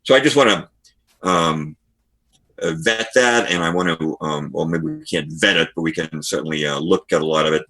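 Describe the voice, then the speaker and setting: A man's voice: sits low, normal speed, pushed and bright. A man who is a guest author on a podcast interview, telling history as stories and reading passages aloud from books.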